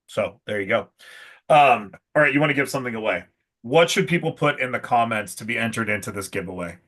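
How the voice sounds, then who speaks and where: A man's voice: medium pitch, expressive, brisk, fairly bright tone. A man hosting a casual live stream for a shop, talking in a chatty, salesy way with lots of fillers. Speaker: pro shop host.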